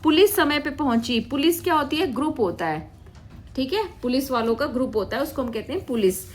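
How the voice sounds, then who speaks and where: Woman teacher, fairly high voice, patient classroom explainer who quizzes and answers. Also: expressive, a little fast, slight background noise. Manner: patient, asks questions and answers them herself, calls students "beta". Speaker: Hindi grammar teacher. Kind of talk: classroom-style grammar lesson.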